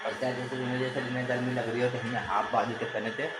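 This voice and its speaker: A man's voice: medium pitch, little pitch movement, fast, loud music behind the voice. A man is casually vlogging at home. He is chatting playfully and chuckling with his toddler. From Uttarakhand, India. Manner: playful, chuckling, sing-song teasing with a small child. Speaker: family vlogger. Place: family home, indoors. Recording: noisy home phone recording.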